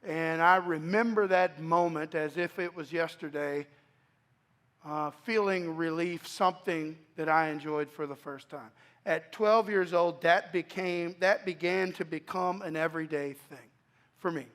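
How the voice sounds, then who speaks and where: A man in his forties from East Dallas, Texas, speaking at a church microphone and telling his life story in a halting, reflective way with many restarts. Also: on the high side, fairly bright tone. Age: 40s. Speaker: guest speaker sharing his testimony. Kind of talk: personal testimony talk. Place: church sanctuary. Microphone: microphone at a pulpit.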